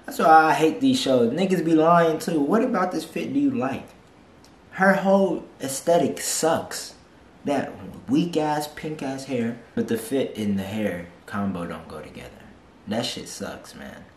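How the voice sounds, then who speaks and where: A man's voice: mid-range voice, animated, unhurried, a little hiss or hum. A young man in his twenties hosting a reaction video, brash, mocking and profane as he comments. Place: small room, seated on a couch. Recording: echoey room.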